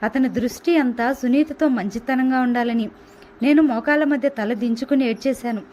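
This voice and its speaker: A woman's voice: fairly high pitch, moderate pace, muffled recording, slight background noise. Woman reading a novel aloud. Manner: expressive reading, voicing dialogue. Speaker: audiobook narrator.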